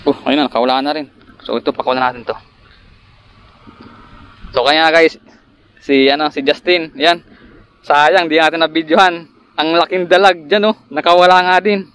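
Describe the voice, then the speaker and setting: A man vlogging while fishing outdoors, chatting to viewers and breaking into excited bursts at each bite. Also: a little high, normal speed, long pauses, a little hiss or hum. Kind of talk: casual fishing vlog narration. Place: outdoors by the water, rural.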